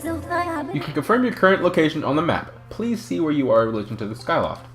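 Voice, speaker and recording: Brief: male gamer putting on a robotic female spirit guide, flat monotone, formal, swinging pitch. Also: brisk, faint music behind, full character voice. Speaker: let's play gamer. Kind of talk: reading game dialogue aloud in a put-on voice.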